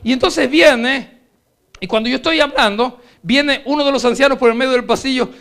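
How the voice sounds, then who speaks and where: Male pastor, high voice, impassioned preaching, repeated refrains, storytelling, altar call. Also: normal speed, gravelly, fairly bright tone. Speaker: guest pastor. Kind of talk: evangelistic sermon with an altar call. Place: church sanctuary.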